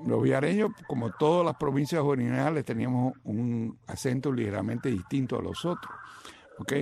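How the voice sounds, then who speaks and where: An older Cuban man with a deeply gravelly, creaky voice tells long, rambling stories in a relaxed chat. His pitch sits in an ordinary middle range, and he drifts from one aside to the next. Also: brisk, a little hiss or hum. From Cuba. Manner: rambling storyteller with many asides. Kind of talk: casual chat.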